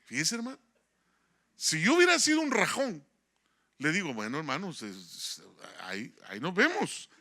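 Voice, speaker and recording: A man's voice: on the high side, moderate pace. A man preaching a sermon as a pastor, telling a personal story, acting out dialogue and calling listeners "brother". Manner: storytelling, animated, acts out dialogue, addresses listeners as hermano.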